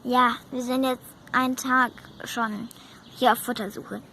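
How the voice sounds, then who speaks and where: A woman's voice: fairly high pitch, little pitch movement, unhurried, pushed and bright, slight background noise. A woman voicing a patient horse who coaxes and reassures a companion. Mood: coaxing. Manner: coaxing, reassuring.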